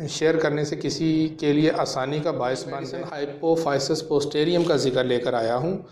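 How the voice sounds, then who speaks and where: A man in his thirties, a homeopathic practitioner, explaining a medicine to camera in a measured way with frequent fillers, in a small room. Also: a little high, fairly even intonation, a little mellow. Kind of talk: educational talk to camera. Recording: echoey room.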